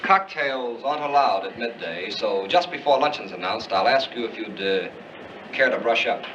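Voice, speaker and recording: Dull old film audio. wry, languid rich brother, dry and skeptical, slightly far from mic. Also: male voice, fairly low pitch, lively intonation, normal speed, fairly bright tone. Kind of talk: 1930s film comedy acting. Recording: distant, muffled, noisy 1930s film soundtrack.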